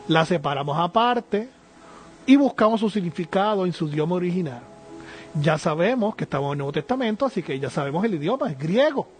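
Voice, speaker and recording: High-voiced earnest male Bible teacher. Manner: earnest, with frequent hesitant fillers and repeated "right?".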